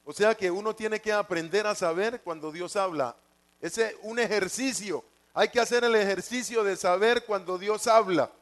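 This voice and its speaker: Male preacher, high voice, repetitive teaching sermon with questions to the flock. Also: a bit bright. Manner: repetitive, asks the congregation questions.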